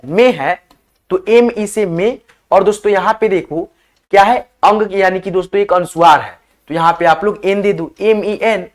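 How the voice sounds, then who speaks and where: A man with a high voice teaches spelling, working through words slowly letter by letter. He often calls his viewers his friends.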